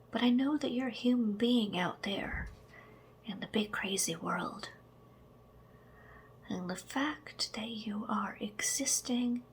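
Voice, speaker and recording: A woman ASMR creator whispers slow, gentle affirmations to the listener in a voice on the high side, with a slight hiss or hum present. She mixes in chatty asides and a soft sense of humor.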